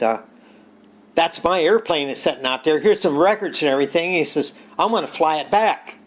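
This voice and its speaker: An older man with a gravelly, creaky voice, a little higher than most men, telling a long secondhand story in a loose, rambling way. He strings it together with "he says" and stray "uh"s and chuckles along as he goes. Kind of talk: casual anecdote retelling.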